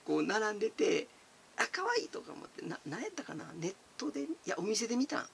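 A man's voice: sits high, very animated, quick pace, vocal fry, fairly bright tone, a little hiss or hum. A man, chatting casually as he answers viewer comments, giggly and talkative, calling himself by his nickname. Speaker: channel host.

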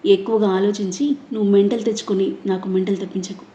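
A woman's voice: mid-range voice, level tone, fast talker, dark tone, echoey room, lo-fi sound, natural voice. A woman reading the lines of a stern, controlling middle-aged husband in a storybook reading. He scolds and commands. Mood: angry.

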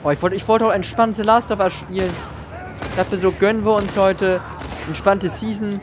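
A man's voice: high voice, fairly even intonation, moderate pace, noisy background. Sarcastic man playing a game. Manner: sarcastic self-talk while playing. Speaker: let's play streamer. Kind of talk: gaming commentary. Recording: voice over game sounds.

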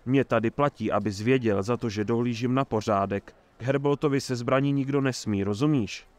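A man's voice: medium pitch, a little mellow, lightly acted. A man doing a smug menacing swordsman. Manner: mocking, smug and threatening.

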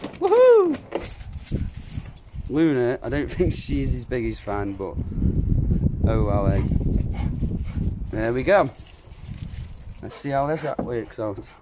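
A man filming at home, talking to his dogs in a coaxing, excitable way and laughing often. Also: mid-range voice, slow, long pauses. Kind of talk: casual home video chat. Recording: noisy home video.

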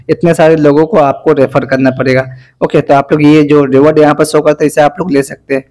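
Man, app tutorial voice-over, slow and deliberate, low energy, fairly high voice, flat delivery. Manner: speaking slowly and deliberately; instructive, repetitive step-by-step guidance. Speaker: app reviewer. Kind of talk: screen-recorded app tutorial.

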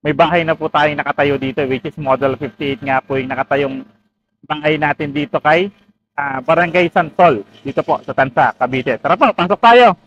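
A Filipino man in his thirties, a real estate agent and channel host, leads a walking tour of a sunny, open construction site while wearing a clip-on lapel mic. His voice is on the high side and fairly bright, at a moderate pace, and the sound is lo-fi. He talks in upbeat sales patter packed with fillers.

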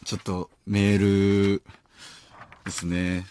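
A man hosting a late-night radio show, reading listener mail aloud with animated, self-mocking chatter and frequent laughter, close on a studio microphone. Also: deep voice, takes it slowly, clean tone.

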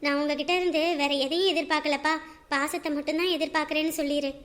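A caring young wife in a home drama, played by a woman, with a very high, ringing voice that talks softly and soothes the people around her. her tone is clear and bright, and she sounds patient and devoted. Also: fairly even intonation, fast. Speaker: actor. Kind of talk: web drama acting.

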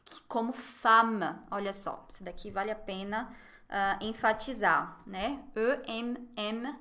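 A woman with a Brazilian Portuguese accent giving a live online French lesson, explaining phrases and slowly modeling pronunciation. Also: mid-range voice, sharp tone. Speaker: French teacher.

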